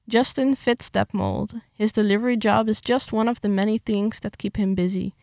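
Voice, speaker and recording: This writer, a young woman, first talks about her article with some hesitation and filler words, then reads the piece steadily. She sounds a little high and creaky on a dry recording.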